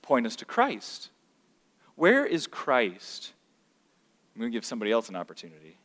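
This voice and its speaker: Speaking at a normal speed, a pastor teaches a class on scripture and asks the room questions. He's lively, and his voice lifts higher and louder on emphatic moments, all under a long hall echo.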